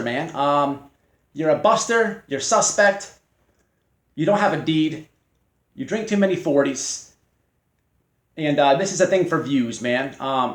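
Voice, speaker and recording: A man hosting his own channel, delivering a mocking, confrontational response to a rival in halting speech full of fillers and restarts. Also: on the high side, reverberant. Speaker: channel host.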